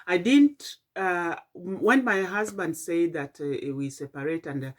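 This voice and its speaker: A middle-aged woman with a Kenyan accent talks late at night, tired and yawning. Her voice sits a little low. She speaks slowly and reflectively, stopping and restarting often with "uh". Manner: halting and reflective, with many fillers and restarts. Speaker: vlogger. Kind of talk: late-night personal vlog.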